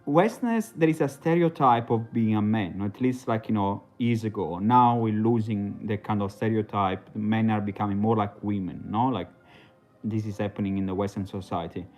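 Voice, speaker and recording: A man's voice: fairly low pitch, normal speed, a little mellow. A man from Italy, talking casually on a livestream in a hesitant, rambling way full of fillers and restarts. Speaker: livestream host.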